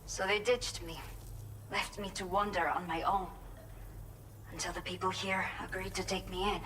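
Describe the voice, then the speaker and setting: A weary but determined ex-bandit mother-to-be , voiced by an actress in a video game, speaking with a Mexican accent. Her delivery is earnest and measured, at an ordinary mid pitch. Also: level tone, fairly bright tone, a little hiss or hum, natural voice, poor audio. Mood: troubled. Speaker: game character giving delivery orders.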